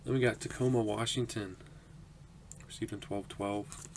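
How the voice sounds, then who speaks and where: A man's voice: fairly low pitch, fairly even intonation, moderate pace. A man in his twenties, chatty and upbeat, opening his mail for a home vlog, laughing often and saying um a lot. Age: 20s. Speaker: autograph collecting channel host. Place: small home room, indoors. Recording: noisy home recording.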